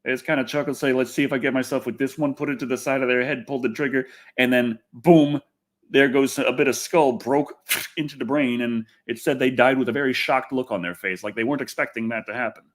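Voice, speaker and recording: A podcast host leads a casual livestream chat, rambling and halting, repeating his phrases often and speaking bluntly. His voice is medium in pitch with a steady tone.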